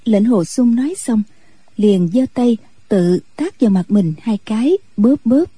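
Brief: calm woman story narrator, very dark mellow tone, dry close mic. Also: on the high side, measured pace, slightly rough, no room sound. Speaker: audiobook narrator.

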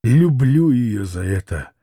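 A man voicing an anguished, proud young woman in a breathless confession, read in a slow audiobook. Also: mid-range voice, very animated, dark tone, breathy edge, dry recording, clean studio sound, voice pushed down, heavily acted.

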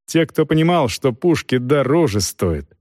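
A man's voice: mid-range voice, very animated, moderate pace, a little mellow, no room sound, clean studio sound. A man narrating a novel aloud, voicing many characters with expression. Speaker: audiobook narrator. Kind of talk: scripted narration.

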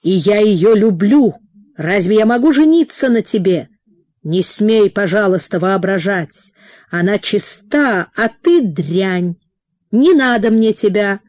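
A woman's voice: mid-range voice, animated, slow, a little mellow, no room sound, clean studio sound. A woman reading the part of a passionate, troubled young man, speaking in agitated exclamations. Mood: indignant.

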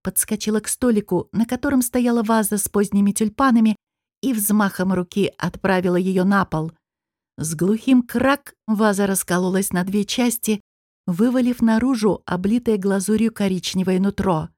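A woman's voice: mid-range voice, fairly even intonation, moderate pace, darkish tone, dry recording, clean studio sound. A woman reading a fantasy novel aloud as narrator. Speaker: audiobook reader.

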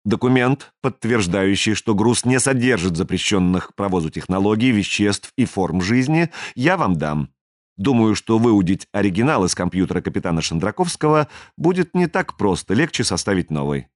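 A man voicing a businesslike alien stranger in an audiobook, speaking in a measured, persuasive and authoritative way. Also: on the low side, sing-song, dry recording, clean studio sound. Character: smooth, businesslike male alien stranger, commanding. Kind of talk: audiobook character reading.

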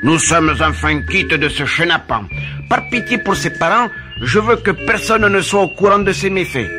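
A man's voice: high voice, expressive, in a large hall, music in the background, voice pushed up. A man voicing a cunning, playful master thief who talks slyly and theatrically. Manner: sly, theatrical, slow and solemn when disguised. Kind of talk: storybook character voice.

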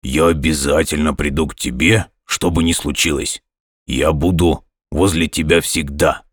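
A very deep, grumbling bear cub from a children's story, voiced by a male narrator. He sounds gruff but caring, recorded close and dry. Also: steady tone, a little slow, no room sound. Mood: tender. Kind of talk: audiobook character voice.

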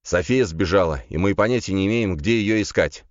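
A man voicing a tall formal bodyguard who speaks crisply and deferentially, in a dry, slightly dull recording. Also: sits low, fairly quick, no echo, close to an everyday voice. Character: tall formal male bodyguard, a battle mage.

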